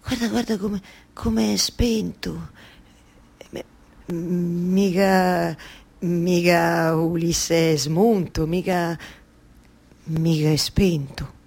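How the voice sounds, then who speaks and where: A woman playing Penelope, a weary, anxious wife yearning for her husband, in a theatrical radio monologue with halting, repeated phrases. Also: fairly low pitch, steady tone, creaky, darkish tone, full character voice. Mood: hushed doubt. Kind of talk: theatrical radio monologue over live music. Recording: live guitar music behind the voice. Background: plucked guitar music.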